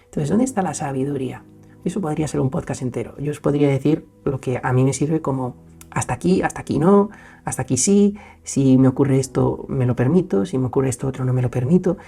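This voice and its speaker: A young man with a Spain Spanish accent, hosting a reflective solo talk in an earnest, searching way, often pausing and restarting. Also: medium pitch, vocal fry, husky, faint music behind. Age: young adult. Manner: earnest, searching, pauses and restarts, swings between loud and hushed. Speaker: host.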